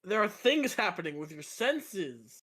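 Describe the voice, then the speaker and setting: A man's voice: high-pitched, sing-song, measured pace, a crowd in the background. A man acting as game master of a casual tabletop game, laughing often and stumbling over restarts.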